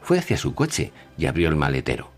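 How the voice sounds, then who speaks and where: Deep-voiced male storyteller, lively intonation. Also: a little fast, faint music behind. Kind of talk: expressive storybook narration.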